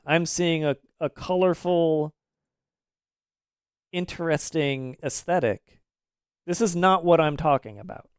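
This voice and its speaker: A man's voice: on the high side, clear, resonant tone, no echo, studio quality. A man in his thirties streaming a game live, talking in an opinionated, ranty way with casual swearing.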